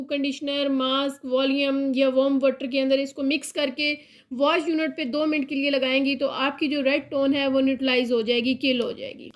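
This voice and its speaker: A woman teaching a hair colour class, patient and repetitive, with English terms mixed in. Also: high-pitched. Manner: patient, repeats key points, mixes English terms into Urdu-Hindi speech. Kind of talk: classroom tutorial.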